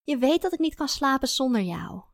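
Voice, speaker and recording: A woman's voice: sits high, sing-song, fairly quick, vocal fry, no echo, pitched above the performer's own voice, full character voice. A woman voicing a clingy young woman who whines and takes offense easily, in a dry recording. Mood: whiny. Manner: whining, pleading, then sobbing with anger. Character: whiny, clingy young woman, quick to feel hurt.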